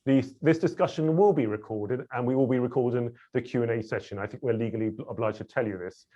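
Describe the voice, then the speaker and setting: A man's voice: mid-range voice, fast, mellow. Man hosting a lo-fi webinar. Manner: chatty, self-deprecating, with fillers. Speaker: webinar host. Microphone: video call. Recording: dull lo-fi video call audio.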